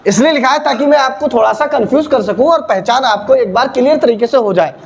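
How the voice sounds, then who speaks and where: A man's voice: very high voice, a little fast, vocal fry. A man teaching a recitation lesson, drilling with repeated questions and answers and exaggerating heavy and thin sounds to show the difference. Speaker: religious teacher.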